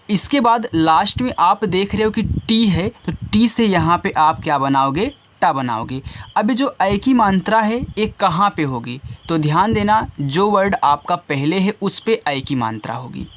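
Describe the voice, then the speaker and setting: A man teaches young children a reading lesson in a patient, step-by-step way, asking a question and then answering it. His voice sits a little higher than most men's. Faint insect and cricket sounds run underneath the recording. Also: a little hiss or hum.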